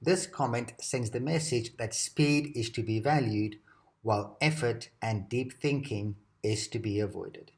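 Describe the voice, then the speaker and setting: A man reading a scripted educational narration at a measured, steady pace. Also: mid-range voice. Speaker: presenter.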